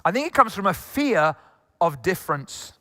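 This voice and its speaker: High, bright pastor in a reverberant hall. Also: male voice, very animated, moderate pace. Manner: jokey, conversational preaching with frequent fillers. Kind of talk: sermon. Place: church hall.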